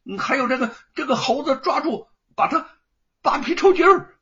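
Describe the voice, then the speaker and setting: A man voicing an arrogant young male bully, a rich landlord's son, who sneers and shouts. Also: extremely high pitch, moderate pace, pitched above the performer's own voice. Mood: blustering. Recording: dull lo-fi recording.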